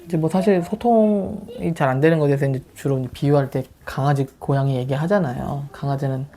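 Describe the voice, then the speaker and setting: A man's voice: a little high, a little fast. A man, a pastor, chatting casually and telling a story about his marriage, full of fillers. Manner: animated storytelling with frequent fillers. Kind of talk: casual chat.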